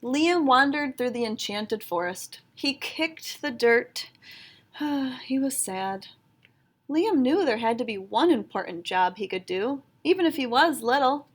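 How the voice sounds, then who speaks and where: A woman gives an expressive storytelling reading of a children's picture book. Her voice is high-pitched and her delivery unhurried.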